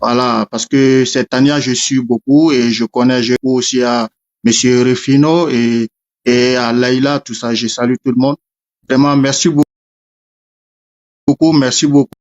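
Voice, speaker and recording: A man's voice: medium pitch, steady tone, moderate pace, darkish tone. A man from Côte d'Ivoire, speaking earnestly as a live-stream guest. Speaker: panel guest. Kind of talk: casual live-stream testimony. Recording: dull lo-fi stream audio.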